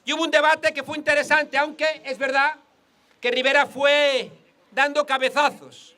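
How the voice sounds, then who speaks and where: A man's voice: extremely high pitch, little pitch movement, moderate pace, bright, forceful tone. A man with a Spain Spanish accent giving a political rally speech outdoors, mixing jokes with rhetorical repetition. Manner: rhetorical, joke-telling, repeats for emphasis.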